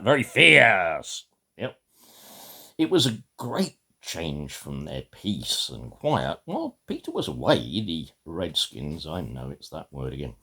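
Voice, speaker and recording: An older amateur storybook reader with a fairly low, slightly bright voice reads a children's tale theatrically. Now and then he drops into dry, muttered asides.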